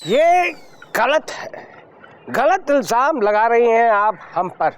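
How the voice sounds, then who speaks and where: An actor playing a flustered police commissioner husband, exclaiming and protesting in broad television comedy style. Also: male voice, very high-pitched, very animated, takes it slowly, exaggerated voice. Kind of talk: broad television sitcom acting.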